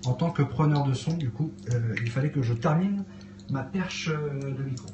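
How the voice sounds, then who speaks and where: Cooking live in his cluttered kitchen at home, this man chats with viewers and frequently pauses with fillers. His voice is medium-pitched at normal speed, and the recording is muffled and echoey, with background noise.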